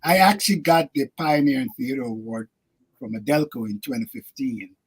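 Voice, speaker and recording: A man's voice: mid-range voice, normal speed, breathy edge. An older man from Guyana, a guest on a radio talk show, telling stories reflectively with frequent laughs and fillers. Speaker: actor and guest. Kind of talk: radio interview storytelling.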